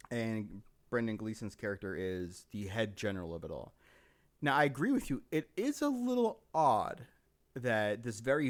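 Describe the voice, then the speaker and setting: A man with a somewhat low voice talks through a film's story in a relaxed podcast chat. He explains at length and leans on fillers as he goes. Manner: explains plot points at length, with many fillers. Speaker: podcast co-host. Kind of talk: casual movie discussion.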